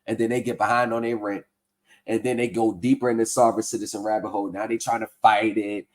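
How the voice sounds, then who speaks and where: Talking fast in a flat, lowish voice, this scam-debunking streamer goes through a tax form. He reads its wording aloud and casually, skeptically takes bad advice apart.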